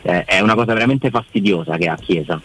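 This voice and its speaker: A man's voice: low voice, quick pace, a bit bright, a little hiss or hum. A man giving casual football commentary as a co-host, opinionated and repeating words for stress.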